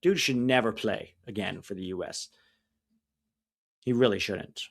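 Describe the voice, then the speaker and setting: A lowish, slightly bright male voice carries casual live-stream commentary on a soccer match he co-hosts as a watch-along. His accent is mixed and difficult to pin down, and he's blunt, opinionated and fast to vent his frustration.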